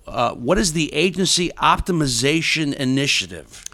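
A man in his late fifties hosting a relaxed interview. His voice is gravelly with a bright, forward edge. He makes playful, joking asides between questions. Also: a little high, moderate pace. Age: 50s. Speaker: host. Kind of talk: casual interview chat.

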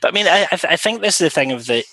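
A man's voice: high voice, expressive, rapid-fire, bright, forceful tone, no echo, poor audio. A man in casual podcast conversation, thinking aloud with frequent hesitations and restarts. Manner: thoughtful, hesitant, many restarts. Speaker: interpreter guest.

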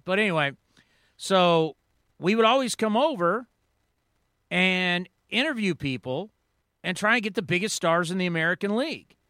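High, bright-voiced man in his forties. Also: no echo, studio quality. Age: 40s. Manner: energetic, rambling storyteller. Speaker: sports radio host. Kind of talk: sports radio talk.

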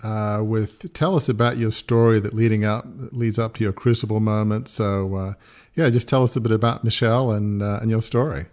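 A man co-hosting a podcast who asks the guest to share her story, halting and full of fillers. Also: lowish voice, steady tone, darkish tone. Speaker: podcast co-host. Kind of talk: interview questions.

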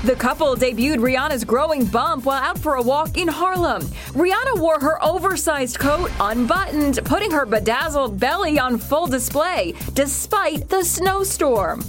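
Bubbly high-voiced lady doing celeb news over loud music. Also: animated, moderate pace. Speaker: entertainment reporter. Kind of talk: upbeat entertainment news narration. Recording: loud music bed behind.

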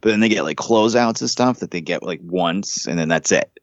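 A man telling a long, profanity-laced story in casual chat, animated and fed up. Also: sits low, brisk, no echo, highs cut off.

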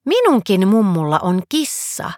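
A woman's voice: mid-range voice, huge pitch swings, darkish tone, no room sound, clean studio sound. A woman voicing a friendly, easygoing magical fox in a storybook reading.

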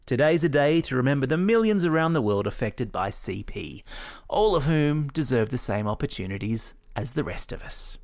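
Lively Australian man reading kids' news. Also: mid-range voice, moderate pace, no echo, clean studio sound. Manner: upbeat, playful, jokey asides. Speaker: news podcast host. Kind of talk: scripted kids' news narration.

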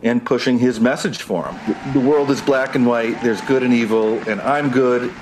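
A man's voice: medium pitch, normal speed, a little mellow, low-quality recording. A man giving explanatory analysis as an expert in a news interview. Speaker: expert commentator. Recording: faint background noise.

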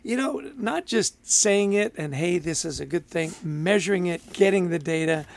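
A man co-hosting a podcast in casual chat, enthusiastic and quick to laugh. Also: high-pitched, gravelly, slight background noise. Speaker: podcast co-host.

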